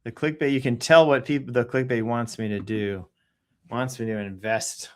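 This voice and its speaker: A man's voice: medium pitch, fairly even intonation, normal speed, darkish tone. Playful man hosting a casual news show. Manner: playful and joking, makes sound-effect noises, clears throat often. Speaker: host reading the news. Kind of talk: casual news read-through.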